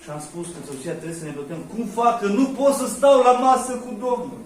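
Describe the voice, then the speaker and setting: A man's voice: high-pitched, very animated. Guy preaching a sermon, sounds far off in a big echoey church, faint noise. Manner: reads scripture aloud and keeps asking the congregation questions.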